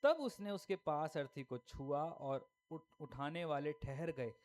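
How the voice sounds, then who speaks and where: A man's voice: fairly high pitch, takes it slowly, a little mellow. A male pastor preaching a sermon emphatically, firing rhetorical questions and repeating key lines.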